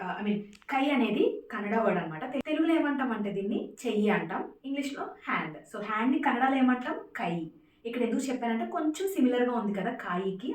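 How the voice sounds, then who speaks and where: A woman teaching a casual spoken language lesson, repeating words slowly for pronunciation and mixing in English phrases. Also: fairly high pitch. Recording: echoey room, distant mic.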